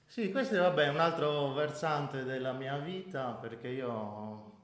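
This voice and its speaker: A man's voice: medium pitch, a little slow, a bit bright. Emphatic man in his forties from Sardinia. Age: 40s. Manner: emphatic, repeats points for weight. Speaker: interview guest, writer. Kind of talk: radio interview answers. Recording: roomy echo.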